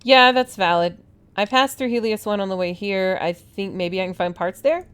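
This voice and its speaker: A woman's voice: mid-range voice, a little fast, clear, resonant tone. A woman giving casual, playful commentary as she plays a game, reading dialogue choices and reacting aloud. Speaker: gamer playing through a game.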